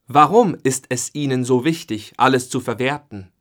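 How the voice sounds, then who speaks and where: A man with a mid-pitched voice reads a short introduction and then the interview questions. His delivery stays neutral and even throughout. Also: normal speed. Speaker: interviewer and presenter. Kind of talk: scripted listening-test narration.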